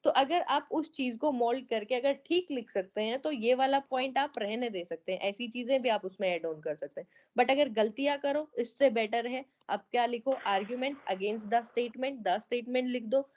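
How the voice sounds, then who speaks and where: A woman's voice: a little high, animated, moderate pace, a little mellow, highs cut off. A woman teaching an online class, going over students' essays and often checking that they follow. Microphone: online meeting audio.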